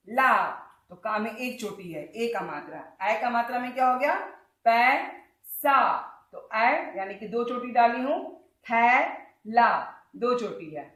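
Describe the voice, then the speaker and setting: A woman teaching children, sounding out words slowly and syllable by syllable. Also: fairly high pitch, echoey room, rough recording. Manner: drawn-out, syllable-by-syllable word demonstrations. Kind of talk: Hindi lesson for children.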